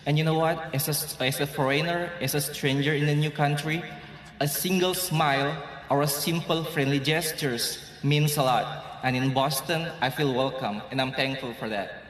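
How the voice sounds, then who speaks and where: A man's voice: on the high side, fairly even intonation, moderate pace, a bit bright. A man with an Indonesian accent, giving an earnest, grateful commencement speech with light humor in a large hall. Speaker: graduation speaker. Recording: echoey hall with crowd.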